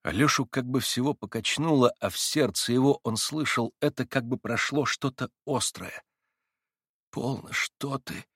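A man narrating a classic novel as an audiobook in a measured, somber literary reading. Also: medium pitch, fairly bright tone, husky, dry recording, clean studio sound.

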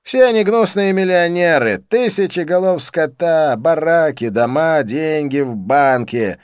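A man voicing an excitable, manic young man who exclaims loudly and giggles, in an audiobook reading. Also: a little high, measured pace, clean tone, no room sound, clean studio sound, pitched above the performer's own voice, close to an everyday voice. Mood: manic glee. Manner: raised, loud, exclaiming delivery with giggles.

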